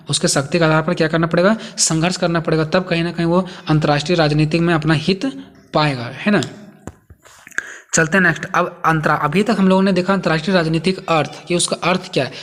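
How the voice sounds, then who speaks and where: रुक-रुक कर समझाता शिक्षक, गूंजता कमरा. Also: male voice, a little high, big-room sound. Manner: repetitive, asks and answers own questions. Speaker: teacher. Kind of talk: explaining lecture.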